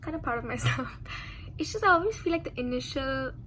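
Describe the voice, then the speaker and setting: A woman's voice: high-pitched, expressive, a little fast, pushed and bright, slight background noise, low-quality recording. A young woman from Singapore, a student vlogging casually from a hotel room, chatty and giggly with lots of "like". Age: young adult. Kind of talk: casual vlog chat.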